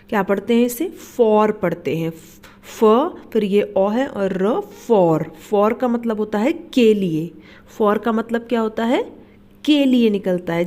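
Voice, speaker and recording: A woman's voice: a little high, mellow. A woman teaching basic English words, spelling each one out, repeating it and asking the listener to say it back. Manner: patient, repeats each word and asks the class back. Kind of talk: slow spelled-out vocabulary lesson.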